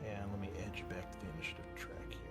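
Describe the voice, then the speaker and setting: Over background music, a man running a tabletop roleplaying game as game master talks in a low, fairly even voice at a rapid-fire pace. He keeps it casual, thinking aloud and swearing now and then.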